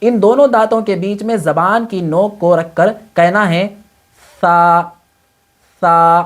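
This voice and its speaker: A man teaching Quran reading with tajweed, explaining patiently step by step and mixing English words into his talk. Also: high-pitched. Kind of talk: tajweed lesson.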